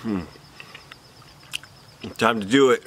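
A man's voice: fairly low pitch, slow, a little hiss or hum. A man chewing gum while he talks, rambling casually to the camera in a solo vlog. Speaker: vlogger.

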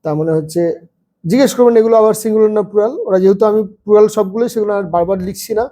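A man teaching a first-grade English lesson, spelling words out slowly letter by letter. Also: sits high, dark tone.

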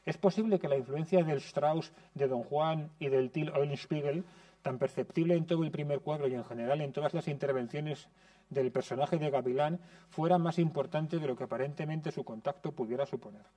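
A man reads a prepared lecture in a measured, explanatory way. His voice is slightly high and mellow. He sits a little back from the microphone in a classroom. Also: distant mic. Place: conservatory classroom.

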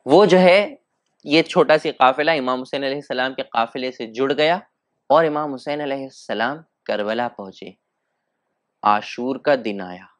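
A man's voice: medium pitch, measured pace, dry recording. Male preacher, mid voice, impassioned storytelling, dry close sound. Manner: impassioned storytelling, rising to emotional peaks. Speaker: lecturer. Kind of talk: Muharram religious lecture.

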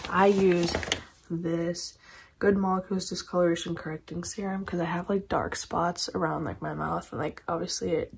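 A young woman chatting casually through a get-ready-with-me vlog at home, laughing often and slipping into soft whispers. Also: on the low side, creaky, husky. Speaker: beauty vlogger.

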